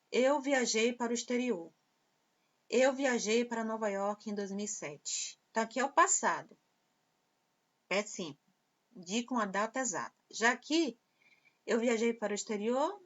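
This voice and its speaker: A woman's voice: on the high side, a bit bright. Patient woman teaching English grammar. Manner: slow and patient, repeats example phrases in English then translates. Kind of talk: explaining grammar to students. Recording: dull lo-fi sound.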